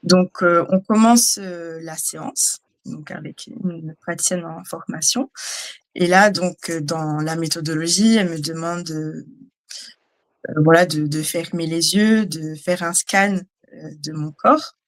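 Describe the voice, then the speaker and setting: Hesitant woman recounting a therapy session. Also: on the low side. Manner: hesitant, halting, many fillers. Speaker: guest, trainee. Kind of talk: personal testimony.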